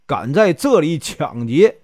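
A man's voice: on the high side, very animated, slow pace, darkish tone, breathy edge, no room sound, clean studio sound, heavily acted. A man voicing a fierce, hot-tempered outlaw who blusters and threatens, in a storybook telling.

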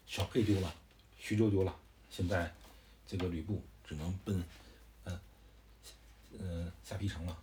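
A man's voice: deep voice, fairly even intonation, unhurried, long pauses, warm tone, a little hiss or hum. A man casually retelling a classic historical novel, chatty, with fillers and asides. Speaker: storyteller.

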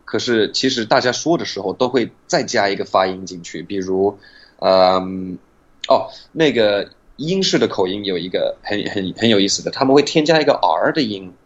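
Husky low-voiced man, patient teacher explaining pronunciation, dull lo-fi recording. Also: expressive. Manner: patient, demonstrates sounds slowly.

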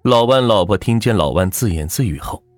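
A man's voice: on the low side, lively intonation, fairly quick, no echo, studio quality, soft background music. A man narrating a ghost story in a dramatic, tense storytelling manner.

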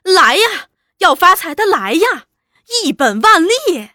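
Lady reader doing a bellowing barker guy outside a gambling den, high and piercing, hawks in a sing-song yell. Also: sing-song, slow pace, no room sound, clean studio sound, full character voice. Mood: shouting. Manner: shouting, sing-song hawking. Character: loud male gambling-den barker hawking to crowds.

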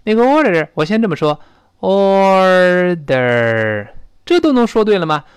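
Male teacher from China, lively lesson delivery, slightly high voice, dry close mic. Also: clean tone, no room sound. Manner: lively explaining, demonstrating sounds slowly and loudly. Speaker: English teacher. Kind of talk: recorded language lesson.

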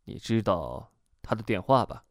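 A calm woman hypnotist who speaks low, measured and sure of herself, as a man narrating a storybook puts her on. The read swings freely in pitch, and the close recording is dry with no room sound. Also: no room sound. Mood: steady.

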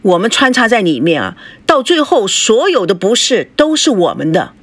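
A woman's voice: medium pitch, big pitch swings, normal speed, a bit bright, slightly rough, dry recording. A woman voicing a shrewd middle-aged mother who nags her husband and sweet-talks her daughter. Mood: persuading. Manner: nagging, persuasive, fawning.

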